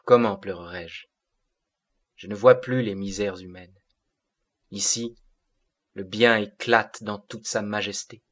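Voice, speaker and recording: A man's voice: on the low side, fairly even intonation, takes it slowly, pauses often, a bit bright. A man voicing a sorrowful, otherworldly seraphic being who speaks in solemn, lofty declamation.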